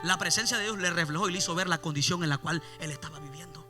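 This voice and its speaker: A man preaching an impassioned evangelical sermon, repeating his refrains and swelling loud, then dropping low. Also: quick pace, music in the background. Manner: impassioned, repeats "mi amado hermano".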